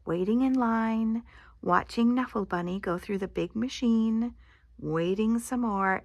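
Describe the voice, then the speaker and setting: An older woman with a grandmotherly manner reads a children's picture book aloud, expressively and deliberately, with dramatic emphasis and hushed phrase endings. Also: mid-range voice, creaky, dry recording.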